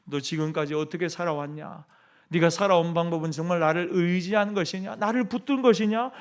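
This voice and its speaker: A man's voice: a little high, fairly quick, close to an everyday voice. A man voicing God in a sermon, asking insistent, searching questions.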